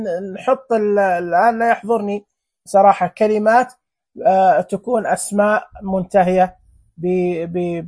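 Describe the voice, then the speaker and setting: A teacher gives a classroom grammar lesson, speaking slowly and repeating each word and example. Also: mid-range voice, darkish tone. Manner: slow, repeats words and drills examples.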